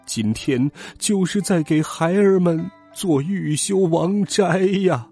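A man's voice: fairly high pitch, slow pace, darkish tone, husky, soft background music, pitched above the performer's own voice, full character voice. A man voicing a worried elderly villager in a storybook, drawn out and plaintive. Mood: sorrowful.

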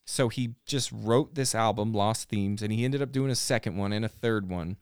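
A man hosting a podcast in a studio, chatting casually, relaxed and rambling with lots of fillers and restarts. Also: lowish voice, normal speed, clear, resonant tone, no echo. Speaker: podcast host. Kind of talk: casual chat.

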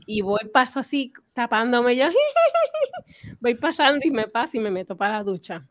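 A woman's voice: on the high side, normal speed, no room sound, clean studio sound. A woman telling a childhood story on a podcast, acting out the voices she quotes. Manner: lively, acts out quoted voices. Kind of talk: casual storytelling chat.

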